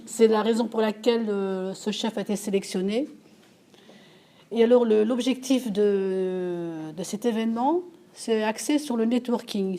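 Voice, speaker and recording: Belgian-born woman, events agency director, interview answers; mellow voice, hesitant, repeats words. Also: mid-range voice. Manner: halting, with frequent fillers and repeated words.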